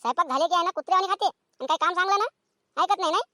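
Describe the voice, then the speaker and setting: A woman voicing a sharp-tongued, nagging village mother in a cartoon comedy. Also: very high voice, no room sound, studio quality. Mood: scolding. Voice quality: nagging, scolding, rapid-fire.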